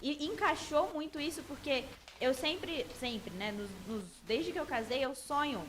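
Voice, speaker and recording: A woman's voice: high voice, a little slow, a crowd in the background, rough recording. A young adult woman with a Brazilian Portuguese accent, a podcast guest talking earnestly about faith and family in a casual interview.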